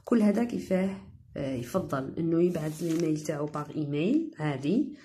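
A woman's voice: low-pitched, big pitch swings, fast talker, warm tone, slight background noise. A woman English teacher with an Algerian Arabic accent, giving a chatty recorded lesson that explains English terms in dialect, with frequent hesitations.

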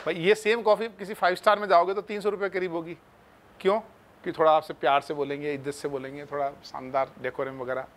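A man's voice: a little high, level tone, quick pace. A man teaching chemistry in a casual, chatty way, talking to his students like friends. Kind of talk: casual classroom talk.

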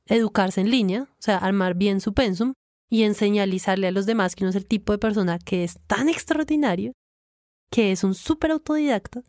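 A woman's voice: medium pitch, brisk, darkish tone, no room sound, clean studio sound. A woman co-hosting a casual podcast, prompting her partner with questions. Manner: inquisitive, prompting with questions and backchannels. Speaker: podcast co-host.

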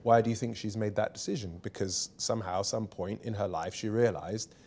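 Emphatic man, low voice, studio interview. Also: a little fast, slight background noise. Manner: emphatic, candid, lively anecdotes. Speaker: barrister and author, interview guest. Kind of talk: seated conversational interview. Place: small bright studio set.

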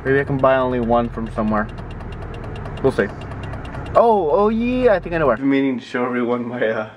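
A man's voice: medium pitch, sing-song, a little fast, lo-fi sound, a little hiss or hum. A man chatting casually in a daily vlog, rambling and amused at himself. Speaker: vlogger.

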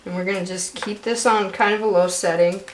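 Her voice sits in the mid range with fairly even intonation, and she talks a little fast. A young woman vlogging from her home kitchen, she cooks casually while chatting and joking to the camera. The distant camera mic picks up an echoey, noisy room.

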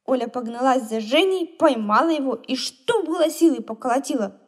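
High voiced woman reading a kids story, expressive storyteller. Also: normal speed, breathy edge. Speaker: narrator.

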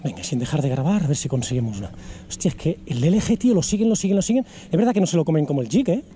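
An excitable man chatting as he fishes outdoors by a river, his voice very dark and mellow yet swinging widely in pitch. He talks into an action camera in a loose, slangy way, bursting into cheers. Faint outdoor ambience sits behind him. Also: racing, slight background noise. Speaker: fishing vlogger. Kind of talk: casual outdoor fishing chatter.

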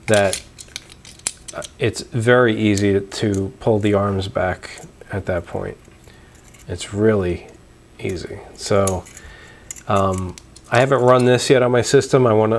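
Young man, low-pitched, relaxed explanations with fillers, home room, lapel mic, light background noise. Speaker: homebrewing video host. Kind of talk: casual show-and-tell demonstration. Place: small dim room at home, indoors.

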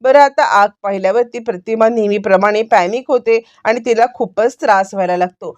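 A woman's voice: mid-range voice, fairly quick, dry recording. A woman casually retelling a TV serial's episode in a chatty, repetitive way, acting out the characters. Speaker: serial recap narrator. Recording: dry, slightly dull sound.

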